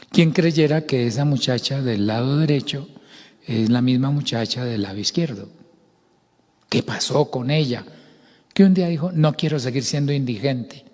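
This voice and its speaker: An older man with a Bogotá accent preaching a sermon, expressive, acting out voices and shouts. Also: mid-range voice, big-room sound. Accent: Colombian, Bogotá.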